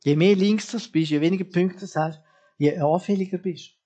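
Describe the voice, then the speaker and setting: Husky preacher, fairly high voice. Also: male voice, normal speed, mellow, dull audio. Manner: direct, asks the listener repeated questions. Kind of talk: sermon.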